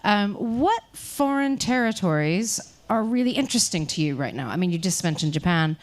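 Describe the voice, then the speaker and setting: A woman from the United States moderating an onstage interview, upbeat and quick to interject and agree. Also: mid-range voice, expressive. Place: stage at a film festival market.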